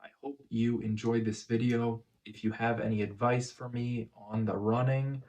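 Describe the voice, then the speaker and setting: A man talking casually in a first-person vlog recap, phrasing things in a measured, deliberate way with pauses. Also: medium pitch, flat delivery, darkish tone, low-quality recording. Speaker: vlogger.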